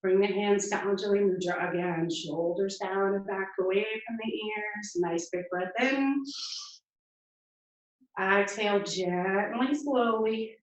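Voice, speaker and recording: Slow, calm female yoga teacher, echoey. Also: mid-range voice. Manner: calm, encouraging cues with breath counts. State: slightly out of breath. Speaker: yoga instructor. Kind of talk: guided yoga class instruction. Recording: distant, echoey, muffled room sound.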